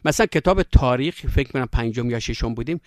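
A man's voice: mid-range voice, no room sound, studio quality. Yazdi-accented man telling storytelling anecdotes. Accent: Yazdi Persian. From Yazd, Iran. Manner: reflective, anecdotal, with frequent filler pauses. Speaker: storyteller guest. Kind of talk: interview conversation.

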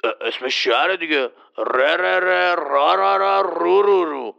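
Agha Eskandar, a gruff boastful man. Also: mid-range voice, sharp tone, dull audio. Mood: cocky. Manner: bossy, teasing, threatens the host. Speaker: quiz contestant. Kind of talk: children's quiz show skit.

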